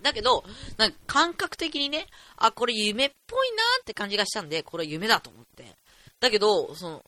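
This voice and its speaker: A teenage boy of about fifteen hosting a solo podcast, rambling in an excitable, chatty, jokey way at a desk mic. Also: sits high, fairly quick. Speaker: podcast host.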